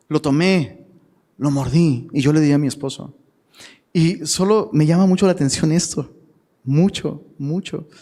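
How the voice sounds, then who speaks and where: A man's voice: fairly high pitch, warm tone. A man preaching a casual sermon to a live audience as a youth pastor, slangy and chatty, often asking the crowd questions. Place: church hall. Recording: long hall reverb.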